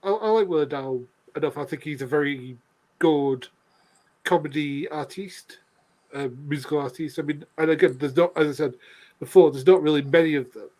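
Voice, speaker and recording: Give me a man chatting casually, voice sitting a bit high. He rambles and leans on fillers as he thinks aloud. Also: normal speed, a little mellow. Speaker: co-host. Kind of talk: casual reaction chat.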